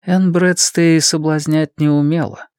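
A man narrating an audiobook in a measured, expressive storytelling manner. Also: on the high side, dry recording, clean studio sound. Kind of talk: scripted narration.

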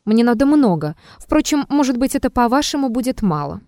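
A woman's voice: fairly high pitch, sing-song, brisk, warm tone, no room sound, studio quality, pitched above the performer's own voice. A woman voicing an insolent, mocking male blackmailer in an audiobook, talking rudely and with a sneer. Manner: sneering and rude.

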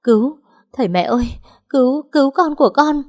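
A woman's voice: on the low side, animated, brisk, a little mellow. A woman voicing a young pregnant woman who turns from affectionate to shrieking and sobbing in pain. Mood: wailing.

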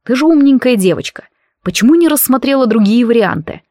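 A woman voicing a centuries-old male warlock king in an audiobook, speaking slowly and intimately in a teasing, possessive tone. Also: on the high side, animated, mellow, no room sound, clean studio sound, voice pushed up, close to an everyday voice. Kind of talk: audiobook character reading.

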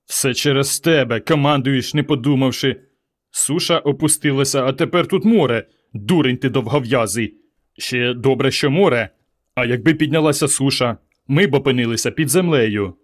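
A man voicing a brash, blustering young man in a storybook reading, quick to bellow and scold. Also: mid-range voice, very animated, slightly rough.

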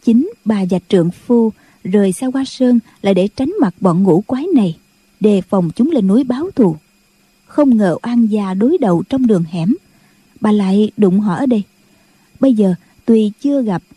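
A woman narrating a martial-arts novel as an audiobook in a steady storytelling manner. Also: mid-range voice, moderate pace, slightly rough, dry recording.

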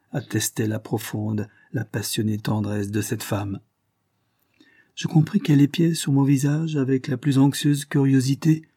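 A man narrating a classic novel as an audiobook, measured and earnest in his storytelling. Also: on the low side, dark tone, no room sound, clean studio sound.

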